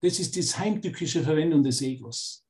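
Ein Mann mit österreichischem Akzent leitet eindringlich eine spirituelle Kurslektion. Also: male voice, fairly high pitch, moderate pace, darkish tone. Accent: Austrian. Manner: earnest, emphatic, mixes teaching with acted inner voices. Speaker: spiritual teacher. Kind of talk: spiritual course lesson.

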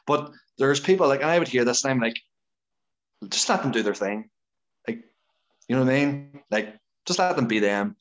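An Irish-accented man chats as a podcast guest in a medium-pitched voice. He talks informally and with emphasis, often repeating words as he builds up a point. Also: dull audio. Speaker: podcast guest, competitive dancer. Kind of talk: casual conversational interview.

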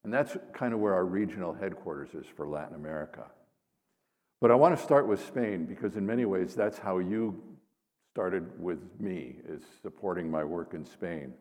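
Older male missionary pastor, low voice, conversational mission update, heavy hall reverb. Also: moderate pace, a little mellow. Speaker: seminary professor and missionary pastor. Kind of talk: informal presentation to a congregation. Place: large indoor church space. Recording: reverberant church hall, long echo.

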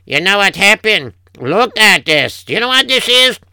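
A man's voice: sits high, very animated, normal speed, pushed and bright, smooth, no room sound, heavily acted. A man playing a fretful Yiddish-accented husband. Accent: Yiddish-inflected English. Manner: kvetching, sighing oy vey. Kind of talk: improvised comic radio story.

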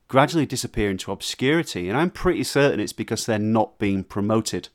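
A man with a fairly low voice, co-hosting a relaxed podcast conversation. He talks with animated emphasis, repeating himself as he builds a point, and his pitch leaps up when he gets worked up. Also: brisk. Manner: animated, emphatic, frequent restarts. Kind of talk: casual chat.

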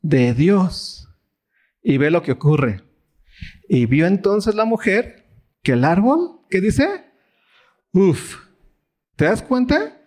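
A man's voice: big pitch swings, takes it slowly, long pauses, darkish tone. A man with a Mexican Spanish accent teaching a Bible study in a casual, conversational sermon style, often asking the audience questions and acting out quoted voices. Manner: acts out quoted voices with big pitch swings.

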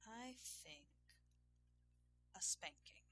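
A woman voicing a brooding, secretive man next door who speaks in a low, teasing murmur. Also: expressive, very slow, sharp tone, slight background noise, full character voice. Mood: dominant murmur.

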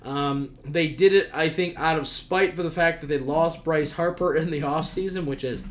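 A man from Michigan hosting a sports podcast in casual chat, talking fast in animated bursts and acting out quoted reactions. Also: fairly high pitch. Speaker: podcast host.

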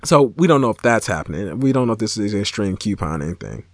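A man's voice: on the low side, big pitch swings, quick pace, no echo. Teasing man in dry podcast banter. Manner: teasing, hesitant, trails off and restarts. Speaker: podcast co-host. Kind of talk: casual banter.

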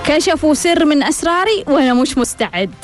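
High, animated woman host. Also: fast talker, music in the background. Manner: rhetorical, repeats questions and answers them. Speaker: host of a self-help show. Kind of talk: scripted self-help monologue.

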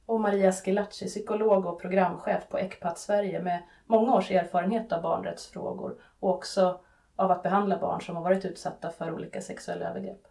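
Mellow-voiced woman podcast host, slightly distant. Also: lowish voice, fairly even intonation, vocal fry. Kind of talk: scripted podcast intro and interview questions.

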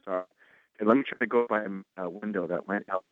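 A man's voice: lowish voice, quick pace, no room sound. Man on a glitching, breaking-up phone line. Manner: blunt, joking. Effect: glitching, breaking-up phone audio. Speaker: radio guest on the phone. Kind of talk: casual phone-in chat. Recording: tinny phone line, dry.

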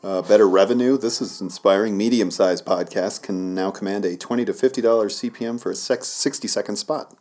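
A man's voice: on the low side, brisk, few pauses, a little mellow. A man co-hosting a podcast in casual chat with dry, teasing banter, recorded in an echoey office. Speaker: podcast co-host. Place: office, indoors.

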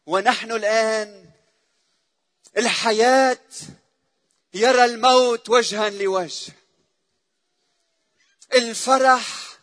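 A man preaching a sermon, emotive and repetitive, swelling loud then dropping to a hush. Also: very high voice, no room sound, clean studio sound.

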